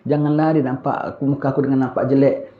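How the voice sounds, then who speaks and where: A man from Singapore, a religious teacher giving an earnest, expressive lecture. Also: mid-range voice, fast. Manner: earnest, expressive preaching with acted-out asides. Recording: dull lo-fi recording.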